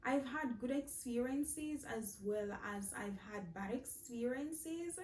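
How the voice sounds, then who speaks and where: A young Jamaican woman answering viewer questions in a casual vlog, speaking slowly and warmly, often repeating herself and laughing. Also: a little high, expressive, echoey room, recorded from a distance, slight background noise. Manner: slow, heartfelt, repeats phrases, laughs often.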